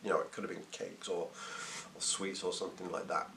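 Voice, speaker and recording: A man's voice: sits low, little pitch movement, a little fast, gravelly, a bit bright, reverberant. A man recording a casual, hesitant video diary, thinking aloud as he talks. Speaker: runner vlogging his race preparation.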